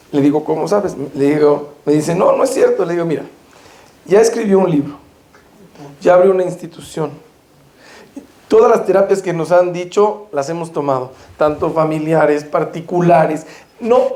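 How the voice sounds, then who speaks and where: Halting man sharing grief, echoey room. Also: fairly high pitch, a little mellow. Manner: halting, with many restarts and pauses. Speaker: speaker sharing personal experience. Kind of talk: reflective personal testimony.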